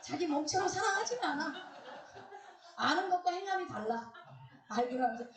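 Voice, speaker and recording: A middle-aged woman pastor giving a lively, teasing sermon, asking questions and acting out quoted voices. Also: sits high, fairly quick, noisy background. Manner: animated, teasing, acts out quoted voices, asks the congregation questions. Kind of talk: lively Bible-study sermon. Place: church hall. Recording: roomy church sound, mic some distance off.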